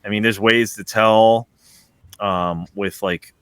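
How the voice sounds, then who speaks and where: A man on a podcast video call, explaining at length with soft trailing asides. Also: fairly low pitch, fairly even intonation, slow pace, clean tone, no echo. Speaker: podcast co-host. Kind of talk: casual chat.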